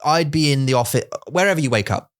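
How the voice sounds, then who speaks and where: A man's voice: on the high side, fast talker. A middle-aged man co-hosting a podcast, rambling in casual chat and acting out little scenes with put-on voices. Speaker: podcast co-host.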